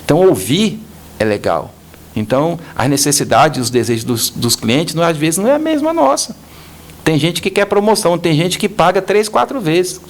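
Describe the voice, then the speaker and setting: A man's voice: fairly high pitch, normal speed. A man from Brazil, a business owner guest on an interview podcast, telling stories animatedly and acting out the voices of the people in them. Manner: animated storyteller, acts out quoted voices. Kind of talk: storytelling interview.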